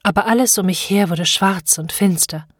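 A woman narrating an audiobook of classic literature with measured, dramatic storytelling. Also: medium pitch, husky, dry recording, studio quality.

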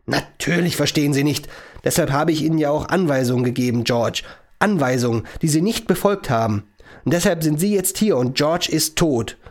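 A man voicing an irritable male professor who invented a time machine, talking in a sharp, lecturing, commanding way. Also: fairly high pitch, lively intonation, moderate pace. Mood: angry.

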